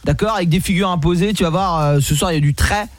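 A man's voice: high-pitched, quick pace, dry recording. A man hosting a radio show, upbeat and joking, teasing his co-hosts. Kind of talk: lively morning radio banter.

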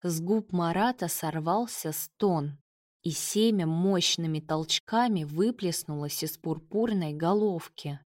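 Female audiobook narrator; low pitch, very slow, dry close sound. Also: dry recording. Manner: slow, even reading. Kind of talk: scripted narration.

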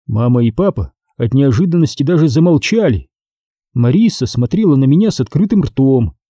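A man reading an audiobook aloud in a dramatic, expressive storytelling manner. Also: medium pitch, moderate pace, husky, no room sound, clean studio sound. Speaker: audiobook reader.

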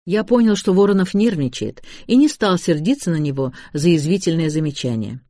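A man's voice: a little high, animated, fairly quick, dark tone, no room sound. Male audiobook narrator, wry first-person reading, dry close recording.

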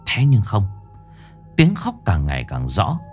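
A male storyteller narrating a ghost story with suspense. His pitch rises and falls very widely. Soft music with a singing bowl plays faintly behind him. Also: huge pitch swings, unhurried.

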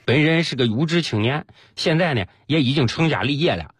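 A man radio host telling comic first-person stories with dramatic pauses, over background music. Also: a little high, slightly rough, no room sound. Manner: animated storytelling with comic pauses. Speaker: radio host reading jokes. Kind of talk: scripted comic storytelling. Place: radio studio.

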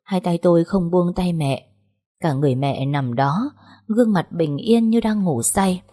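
A woman narrating a first-person audiobook story in a slow, mournful way. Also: fairly low pitch, mellow.

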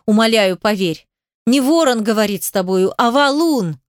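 A woman's voice: mid-range voice, steady tone, unhurried, no room sound, studio quality, natural voice. Woman playing an anxious young male retainer. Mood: pleading. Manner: pleading, urgent.

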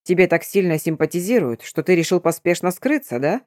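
A woman voicing a calm, menacing male werewolf who speaks quietly and gently. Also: on the low side, a little fast, dry recording, clean studio sound, natural voice.

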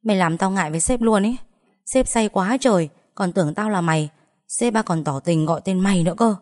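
A woman voicing a loud, teasing young female friend in a read-aloud story. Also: mid-range voice, brisk, lightly acted. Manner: loud, chatty.

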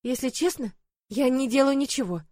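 A young storybook heroine, voiced by a woman reader, speaks with gentle care and a teasing, wry edge. Her voice sits high and sounds dry and close. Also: normal speed, no room sound, natural voice.

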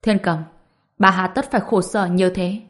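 A woman voicing a calm, powerful older man in an audiobook, measured and regretful. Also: mid-range voice, close to an everyday voice. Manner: sighing, measured.

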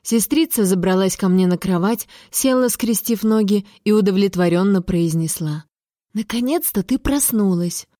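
Woman, audiobook narrator, expressive reading, mellow voice, dry recording. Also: medium pitch, moderate pace, hardly any pauses, dry recording.

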